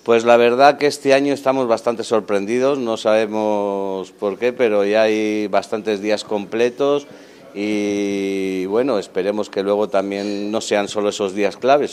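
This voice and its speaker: Restaurant manager interviewed on camera, a man with a lowish voice, earnest, hesitant restarts, handheld mic in a dining room. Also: steady tone, a little slow, darkish tone, smooth. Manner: earnest, lots of fillers and restarts. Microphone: handheld mic held by interviewer.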